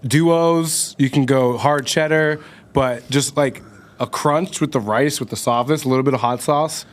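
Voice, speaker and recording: An easygoing man chatting as a podcast guest in a medium-pitched voice. He talks casually, in short, punchy phrases. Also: measured pace. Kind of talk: casual chat.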